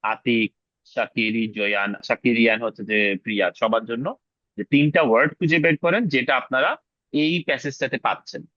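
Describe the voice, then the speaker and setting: A male English teacher running a class, drilling pronunciation and repeating words slowly while mixing English into his casual talk. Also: medium pitch, fairly even intonation, bright, forceful tone, no echo, dull audio. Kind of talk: online class lesson.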